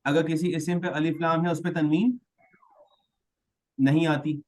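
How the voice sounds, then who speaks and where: A man's voice: fairly high pitch, flat delivery, darkish tone, rough recording. A male teacher giving a patient classroom grammar lesson, stretching out example words and often checking that students follow.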